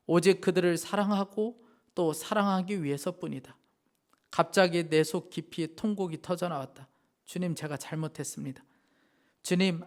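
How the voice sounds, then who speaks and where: A man preaching a Sunday sermon in church. His voice sits a little high for a man. He reads a moving story aloud and then turns to address the congregation directly. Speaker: pastor. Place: church sanctuary.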